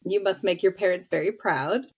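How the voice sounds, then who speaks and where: A woman's voice: lowish voice, moderate pace, husky, dull audio. A woman hosting a podcast interview in a friendly, chatty way. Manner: friendly, chatty, laughs easily. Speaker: podcast host. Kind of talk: casual interview.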